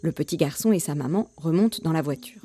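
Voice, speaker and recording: Lively, mellow woman reading a storybook. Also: low-pitched, quick pace, soft background music. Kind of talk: storybook narration.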